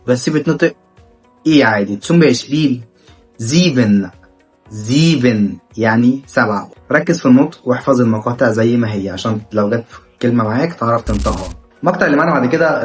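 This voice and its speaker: A man with an Egyptian Arabic accent teaching German pronunciation, spelling out sounds and repeating each word slowly. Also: mid-range voice. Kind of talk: language lesson.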